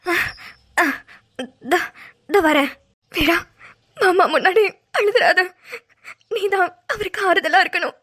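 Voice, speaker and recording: A woman's voice: very high-pitched, a bit bright, heavily acted. A woman voicing a tearful young village wife. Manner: tearful, halting, crying through her words. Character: young village wife Veera, tearful, hiding her husband's injury. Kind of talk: Tamil cartoon voice acting.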